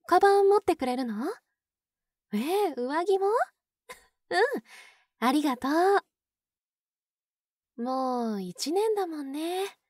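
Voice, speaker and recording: Woman acting a very high-pitched, sweetly possessive yandere. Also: darkish tone, no room sound, clean studio sound. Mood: sweet, pleased, then tender, coaxing. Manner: coaxing, cooing, talks as to a pet. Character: obsessive yandere older-sister type, sweetly possessive captor. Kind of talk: Japanese ASMR role-play.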